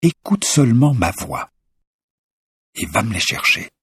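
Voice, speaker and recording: A man's voice: medium pitch, big pitch swings, unhurried, a bit bright, breathy edge, dry recording, studio quality, voice pushed up, heavily acted. A man voicing a scheming mother who insistently urges her son.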